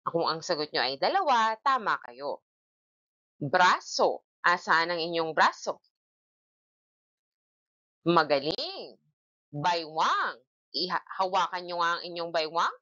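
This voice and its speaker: A woman teaching a children's reading lesson, drilling words slowly and clearly by syllable and asking the class questions. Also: lowish voice, very animated, pushed and bright, lo-fi sound. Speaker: grade one teacher.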